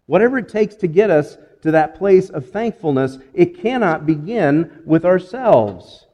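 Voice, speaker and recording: A man's voice: on the high side, very animated, unhurried, mellow, big-room sound. A man preaching a sermon with earnest emphasis, repeating phrases and acting out the quotes he reads. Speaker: pastor.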